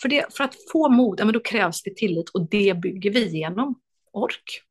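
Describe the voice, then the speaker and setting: A woman's voice: medium pitch, lively intonation. A woman, an author and lecturer, talking enthusiastically as an interview guest, with many hesitations.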